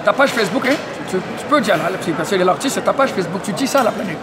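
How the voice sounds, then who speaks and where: A man who interviews at an event, excitable and tagging nearly every phrase with "hein?". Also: high voice, quick pace. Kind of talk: casual community media interview. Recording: noisy crowded public event. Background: crowd chatter.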